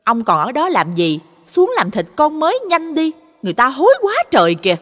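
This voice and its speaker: A woman voicing a sharp-tongued middle-aged wife who scolds and hurries her husband, in a reverberant audio story. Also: expressive, a little fast, close to an everyday voice. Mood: nagging. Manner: shrill, scolding and nagging.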